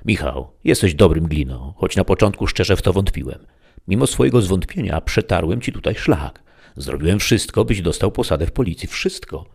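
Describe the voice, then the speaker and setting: A man's voice: low voice, big pitch swings, moderate pace, vocal fry, a little mellow, slightly rough, full character voice. A man voicing a crude, patronizing middle-aged male police inspector. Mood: scheming.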